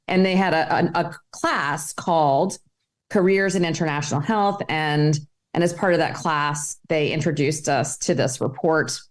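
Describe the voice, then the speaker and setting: A middle-aged woman from Egypt, guest on a podcast, with a notably low voice for a woman. She recounts her path in a thoughtful, measured way, taking her time over each point. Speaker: guest, public health specialist and author. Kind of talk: podcast interview.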